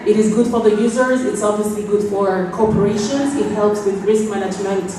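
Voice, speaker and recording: A woman from France, speaking on a panel in a businesslike, fluent way with quick bursts and fillers. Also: medium pitch, steady tone. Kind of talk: panel talk. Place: event space. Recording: echoey room, mic from far off, faint noise.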